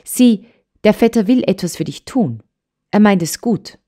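A gentle, earnest old grandmother, as a woman reads her. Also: mid-range voice, expressive, a little slow, voice pushed up. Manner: gentle, earnest, soothing admonishing. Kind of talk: audiobook character voice.

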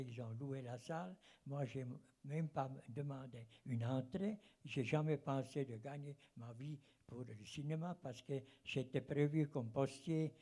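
A man in his eighties speaks French with a Swiss German accent, his voice medium-pitched and warm. Once a travelling cinema operator from the German-speaking Fribourg countryside, he sits in a cinema auditorium as an audience member at a public round table, rambling and groping for words as he reminisces into a handheld microphone.

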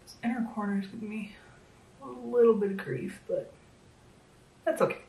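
Her tone dark and her mid-range voice at a normal speed, a makeup vlogger in her thirties casually chats through a home tutorial with self-deprecation and lots of fillers. She's slightly losing her voice, leaving it a little worn. Slight background noise mixes with the roomy echo of the small indoor room, and she sits a bit distant from the mic.

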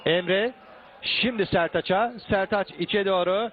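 Male football commentator, high-pitched, excitable play-by-play with raised voice, tinny phone-like sound over light noise. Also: unhurried. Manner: raises his voice to shouting at attacks. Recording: tinny phone-like band, some outdoor background noise.

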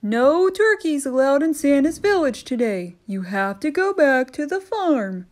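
A woman's voice: high voice, sing-song, a little slow, a little mellow, pitched above the performer's own voice. A woman voicing a bossy Christmas elf who firmly turns visitors away. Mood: stern. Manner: stern, commanding, firm.

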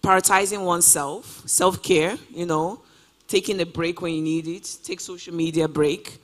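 This is a guest traveler, a woman in her twenties, taking interview questions on a stage in a large auditorium with a handheld mic. Her pitch is on the low side, her intonation fairly even, and her pace moderate. She keeps things upbeat and casual, with plenty of "you know" thrown in.

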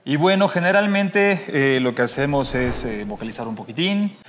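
A male choir teacher explains how he runs rehearsals, easygoing and explanatory. His pitch sits in the middle range. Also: expressive, normal speed, a bit bright, slight background noise. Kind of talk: casual interview.

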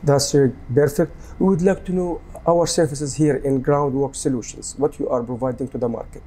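A man's voice: medium pitch, fast talker, warm tone. A man hosting a program, asking formal interview questions in a polite, formal way.

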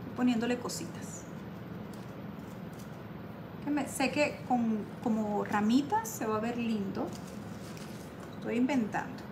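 A woman's voice: fairly high pitch, lively intonation, measured pace, long pauses, noisy background. Chatty woman hosting a live craft stream. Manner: chatty, affectionate, calls viewers "my girls", reads comments aloud. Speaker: craft livestream host. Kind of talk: casual live craft tutorial chat.

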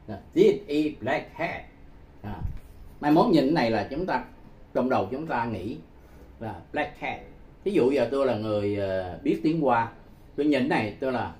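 A man giving a casual spoken language lesson, repeating phrases slowly and patiently and chuckling often. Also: medium pitch, a little mellow. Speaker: English teacher.

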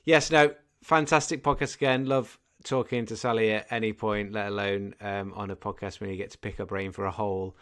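Recording from a home room indoors via a desk condenser mic on a video call, a Scouse man in his thirties co-hosts a podcast. He jokes and rambles in casual chat, full of fillers, in a fairly low, steady, fairly bright voice that moves quickly with few pauses.

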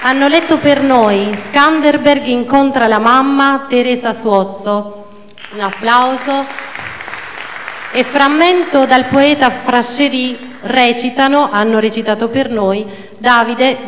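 A woman narrating a historical tale and presenting performers at a live cultural event, with a slow, measured reading. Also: fairly high pitch, fairly bright tone, slight background noise. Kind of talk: storytelling narration and stage presenting. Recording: reverberant hall, faint crowd.

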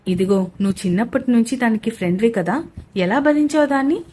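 A man's voice: very high voice, brisk, a little mellow, breathy edge. A woman voicing a young male tutor who is also a teasing husband, with a dry manner.

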